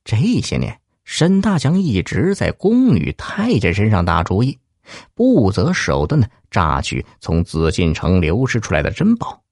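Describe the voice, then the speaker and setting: A man's voice: fairly low pitch, wildly swooping pitch, unhurried, gravelly, a little mellow, no echo, clean studio sound. A man telling a dramatic story in a theatrical way, with rhetorical questions and exclamations.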